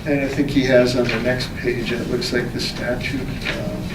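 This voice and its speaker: A man serving as mayor chairs a city council meeting, formally reading reports and working through the agenda in a medium-pitched, level voice at a moderate pace. He's recorded from a distant mic in an echoey indoor council room with background noise.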